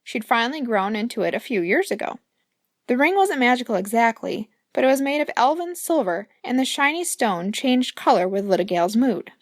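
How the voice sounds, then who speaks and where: A woman's voice: on the high side, very animated, fairly quick, no echo, clean studio sound. A woman, the author, reading her own fairy-tale audiobook, playful and speaking asides to the listener. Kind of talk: audiobook narration.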